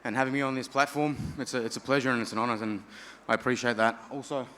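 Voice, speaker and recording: A man's voice: medium pitch, steady tone, quick pace, fairly bright tone, a little hiss or hum. A man giving a humble, gracious post-fight interview after a loss.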